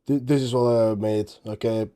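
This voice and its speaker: His voice is mid-range and dark, with fairly even intonation and a normal speed. The Estonian teen, a native speaker of Estonian, vlogs about his game in English, sounding tired and offhand as he rambles over a screen recording and keeps correcting himself.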